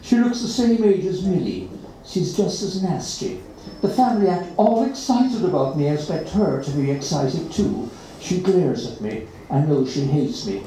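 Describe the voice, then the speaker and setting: A reader at an open mic, reading a children's story aloud in an expressive, dramatic way. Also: mid-range voice, moderate pace, a little hiss or hum. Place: live reading event. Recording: echoey room from far off.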